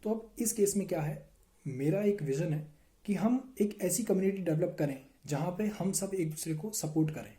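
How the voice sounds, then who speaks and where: A man's voice: high-pitched, normal speed, dark tone. A young man from India giving an earnest, conversational motivational talk to camera, speaking directly to his viewers. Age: young adult. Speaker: YouTuber, coding student.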